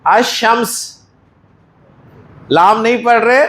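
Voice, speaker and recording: A man with a Pakistani Urdu accent teaches Arabic grammar for reading the Quran in a mosque classroom. His voice sits high for a man and he speaks slowly and deliberately. He keeps putting questions to his students and praising their answers. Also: fairly bright tone, roomy sound.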